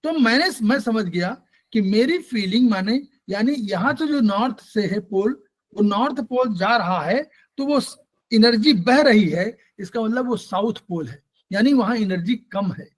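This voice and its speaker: A man with a very high voice teaches an acupressure class in a patient, explanatory way. He keeps checking on his students with questions and restarts his sentences often. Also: animated, measured pace. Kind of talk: online class lecture.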